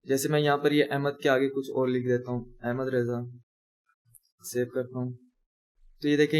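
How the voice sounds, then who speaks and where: A young man teaching a coding lesson, talking through each step as he types and correcting himself as he goes. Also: fairly high pitch. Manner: talks through each step while typing, self-correcting. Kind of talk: screen-recorded coding tutorial.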